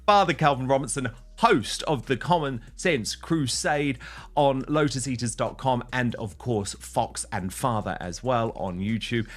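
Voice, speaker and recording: A man presenting a panel discussion, chatty and quick with asides to his guests. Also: mid-range voice, fairly bright tone.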